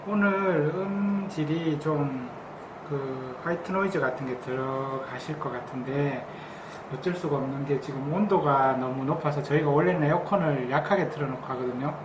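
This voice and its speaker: A woman host talks casually through a face mask. The makeshift room adds echo to her voice, and air-conditioning noise is clearly heard behind her. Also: deep voice, normal speed. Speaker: show host. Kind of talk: casual show introduction. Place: makeshift indoor room, not a studio.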